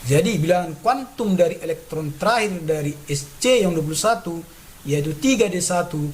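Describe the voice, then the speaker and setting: A man teaches chemistry in a patient classroom manner, walking through each step and checking in often. His voice sits a bit high for a man. A faint noise runs under the recording. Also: animated, normal speed, a little mellow, low-quality recording. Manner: patient, repeats steps, frequent "ya" and "nah" checks. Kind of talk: classroom lesson explaining on a board.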